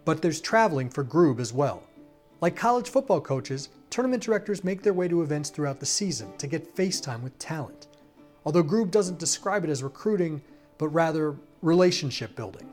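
A man reporting a news feature in a measured, scripted narration. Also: a little high, lively intonation, a little mellow, faint music behind.

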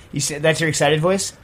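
A man's voice: on the high side, a bit bright. Male radio host, casual studio banter, loose, joking delivery with plenty of "uh"s. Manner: loose, joking, rambling with many fillers.

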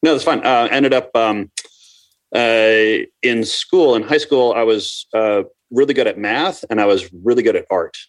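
A man's voice: lowish voice, unhurried. A man raised in Minnesota, a business coach, explaining at length in a casual interview with many fillers.

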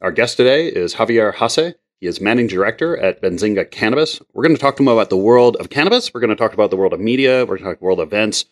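Hosting an interview podcast, a man rambles through introducing his guest and asking questions, full of fillers. His voice is on the low side and expressive, moving quickly with hardly any pauses.

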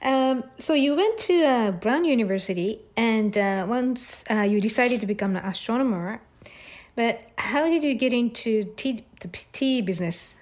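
Brief: female interview host, a bit high-pitched, friendly. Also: lively intonation, moderate pace. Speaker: podcast host. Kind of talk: interview hosting.

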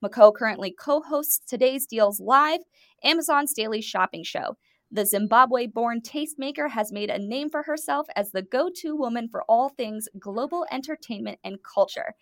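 A fairly high-voiced woman hosts a food podcast with bright enthusiasm, reading her guests' introductions with plenty of emphasis. The recording is dry and close, with no room sound. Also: moderate pace, no echo. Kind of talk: scripted introduction then interview.

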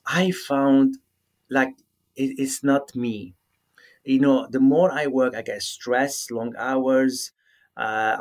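A middle-aged Lebanese man, Arabic being his first language, speaks with a Lebanese accent at a medium pitch. A yoga teacher appearing as a guest, he answers interview questions earnestly but haltingly as he searches for words.

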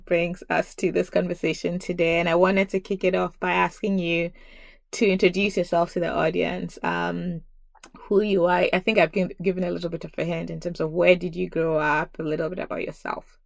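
A woman's voice: lowish voice, flat delivery, brisk, gravelly, no room sound. A woman from Ghana hosting a podcast interview, speaking hesitantly with many ums and laughing easily. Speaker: podcast host.

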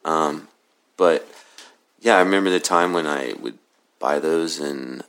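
A man from Oklahoma with a very deep, low magnetic voice, answering interview questions casually in a hesitant, laid-back, halting way. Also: a bit bright. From Oklahoma City, USA. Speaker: podcast guest, cannabis grower.

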